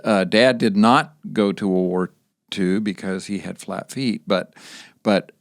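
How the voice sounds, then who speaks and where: A middle-aged man from Texas, a podcast guest, telling family stories in a halting way with many restarts. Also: lowish voice, vocal fry, no room sound, studio quality. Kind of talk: conversational storytelling.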